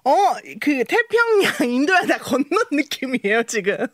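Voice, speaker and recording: A high-voiced woman leads a studio pronunciation lesson, her pitch swooping up and down as she coaches. She laughs often, and the sound is close and dry. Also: very animated, normal speed, a bit bright, dry recording. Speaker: radio English show host. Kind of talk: bilingual pronunciation lesson chat.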